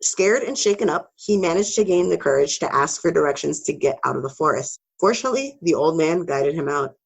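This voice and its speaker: A woman's voice: sits low, creaky, low-quality recording. A woman co-hosting a podcast, telling spooky stories in a casual, swearing, joking way. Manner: casual, swears, laughs between story beats. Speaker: podcast co-host. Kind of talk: casual storytelling podcast chat.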